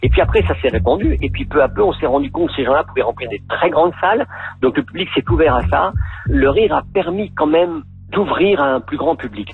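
A man talks in a reflective, hesitant way, pausing often as he thinks aloud. The sound is thin and phone-like, with faint music under him. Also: a little high, expressive, gravelly. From Belgium. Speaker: comedian. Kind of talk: interview.

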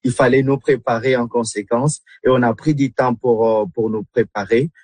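Earnest, husky Congolese-born man. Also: mid-range voice, fairly even intonation, normal speed, darkish tone, no echo. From Democratic Republic of the Congo. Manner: earnest, many hesitations and repeated words. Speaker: guest, literary club member. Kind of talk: radio interview.

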